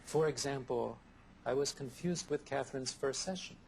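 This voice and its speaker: A man answering interview questions in a thoughtful, measured way, often listing ideas one after another, heard from a worn VHS tape copy. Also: mid-range voice, creaky, darkish tone, a little hiss or hum, poor audio. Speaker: interview guest, therapist.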